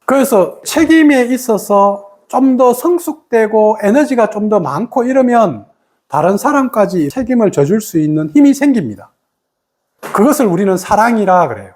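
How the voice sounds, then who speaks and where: A woman's voice: mid-range voice, moderate pace. A woman giving a meditation lesson, acting out other people's words as she explains. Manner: animated, acts out quoted speech of others. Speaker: meditation teacher.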